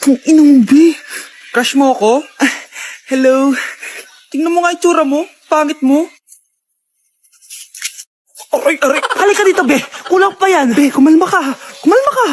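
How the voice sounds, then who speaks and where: A woman's voice: high voice, lively intonation, moderate pace, long pauses, slight background noise. A woman acting out comedy skit banter in a slangy, teasing, exclamatory way.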